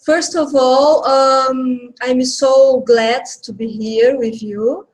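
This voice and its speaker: Slow-talking Brazilian woman in her forties. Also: high-pitched, fairly even intonation, rough recording. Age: 40s. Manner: slow, halting, with soft laughs. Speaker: caller, healing instructor. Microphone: video call.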